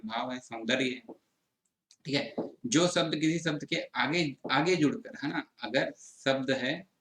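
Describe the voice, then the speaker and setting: A male exam-prep teacher from Chhattisgarh, walks through an answer key. He explains patiently, checking in with students again and again, in a voice of middling pitch. The room around him is echoey. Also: pushed and bright.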